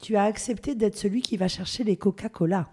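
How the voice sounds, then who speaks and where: A woman hosting an interview, her voice pitched in an ordinary middle range. She reflects on her guest's story and affirms his points in a gentle, thoughtful way. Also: a little fast, slightly rough. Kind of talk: interview questions.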